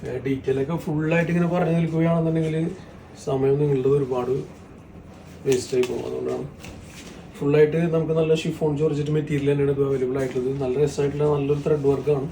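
A man with a Kerala accent giving a repetitive sales pitch as a shop presenter, mixing many English words into his Malayalam. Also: little pitch movement, fast, warm tone. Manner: repetitive, salesy patter with frequent tag words. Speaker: shop presenter selling women's outfits. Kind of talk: sales pitch showing products. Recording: roomy, distant mic, faint background noise.

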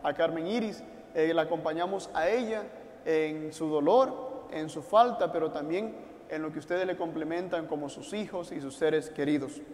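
Priest with a high voice in a reverberant church. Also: male voice, moderate pace. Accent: Puerto Rican Spanish. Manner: warm pastoral, direct appeals to listeners at home. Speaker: priest leading mass. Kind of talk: liturgical address to an online congregation. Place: church altar.

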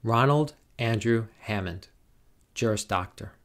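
Slow, measured man reading names. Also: lowish voice, a bit bright. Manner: slow, measured, deliberate announcing. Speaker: commencement name reader. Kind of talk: formal reading of graduate names.

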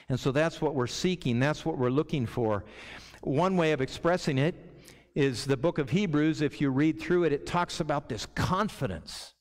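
A middle-aged man preaching a sermon as pastor, earnest and restarting words as he builds each thought. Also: a little high. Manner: earnest, repeats words when starting a thought. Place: church sanctuary. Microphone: lectern microphone. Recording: church hall reverb.

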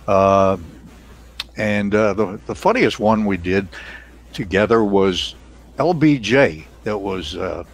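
An older American radio show host leads a casual chat from his indoor home studio over a video call, reminiscing in a rambling, chuckly way into a headset mic. His voice is on the low side and slow, and the home video-call audio is noisy.

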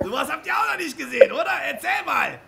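A man voicing a cheeky male banana puppet that shouts, laughs and teases strangers in a prank video chat. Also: very high-pitched, sing-song, quick pace, creaky, soft background music, some chatter behind, voice pushed up, exaggerated voice. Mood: rowdy teasing.

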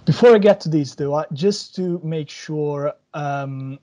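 Italian-accented man, dark voice. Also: on the high side, a little slow, dull audio. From Italy. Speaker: policy advisor speaker. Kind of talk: webinar presentation.

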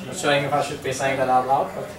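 With a crowd in the background, a man in his thirties from Finland presents a casual business talk to a conference-room audience, talking fast in a flat, mid-range voice and a Finnish accent. His chatty delivery is full of ums and repeated words. The sound comes from a far-off camera, no mic, echoey with a faint hum.

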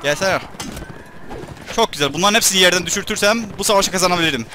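A young man giving casual commentary over his gameplay, chatting to his troops and breaking into loud excited shouts during fights. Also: high-pitched, fast, background noise. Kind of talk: let's play commentary.

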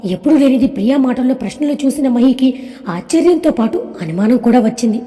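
High bright-voiced woman reading a story. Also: in a large hall. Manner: voices all characters herself with small pitch lifts. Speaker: story narrator. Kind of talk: reading a family drama story aloud.

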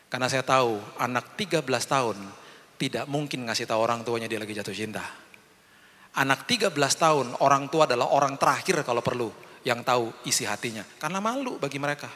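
A man's voice: medium pitch, lively intonation, quick pace, sharp tone, a little hiss or hum. A middle-aged man preaching a sermon as pastor, telling personal stories, acting out the voices in them and speaking directly to his congregation. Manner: personal storytelling that acts out the voices in the dialogue. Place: large church hall. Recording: long hall reverb from the church.

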